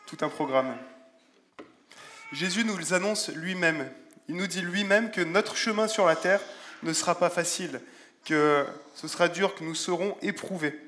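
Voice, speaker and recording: A man preaching a sermon in a relaxed, conversational way, with self-deprecating humor and Bible verses read aloud. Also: sits high, a little slow, slight background noise. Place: church.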